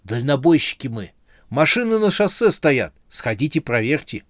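A man voicing a panicky old gray-bearded man in a storybook, talking high and flustered. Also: sing-song, moderate pace, a bit bright, dry recording. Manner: high, flustered, weak protests.

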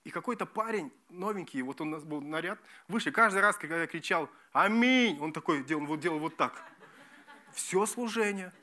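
A man preaching a sermon as pastor, emphatic and lively, repeating key phrases and restarting words. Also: a little high, a little fast. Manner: lively, emphatic preaching with repetitions and self-corrections.

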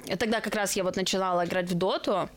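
A young woman from Russia, guest on a casual podcast, tells stories with lively acted-out quotes. Her voice sits at an ordinary middle pitch for a woman. She works as a streamer and esports caster. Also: fast. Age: 20s.

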